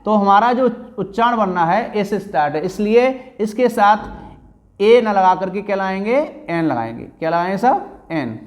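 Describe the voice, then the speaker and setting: A man's voice: sits high, animated, normal speed. A male teacher explaining grammar to pupils in a classroom lesson, drawing out words and repeating the answers.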